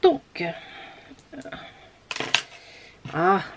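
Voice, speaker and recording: A woman chatting casually while showing her knitting, with many fillers, often trailing off into soft murmurs and whispers. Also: mid-range voice, sing-song, extremely slow, gravelly, dull audio, background noise. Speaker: knitting vlogger.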